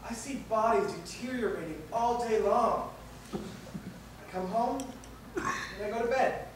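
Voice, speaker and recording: An actor on stage playing an awkward nurse confessing love in halting, nervous rambles. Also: medium pitch, slight background noise, lightly acted. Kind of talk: stage play acting. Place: theatre stage. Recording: echoey theatre, miked from far off.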